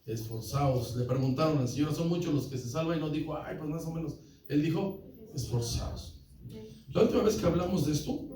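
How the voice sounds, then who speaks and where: Pastor guy preaching, bit high voice, echoey hall, guitar playing behind. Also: dark tone. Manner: keeps calling listeners "brother", asks the congregation questions. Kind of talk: sermon. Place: church hall. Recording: echoey church hall, from far off.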